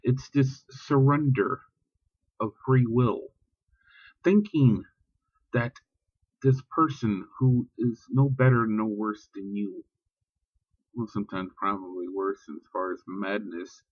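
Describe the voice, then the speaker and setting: A man's voice: fairly low pitch, fairly even intonation, slow, pauses often, husky, no echo, muffled recording. A man ranting bluntly and profanely in a casual vlog, talking about religion with heat. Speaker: vlogger. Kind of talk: casual spoken rant.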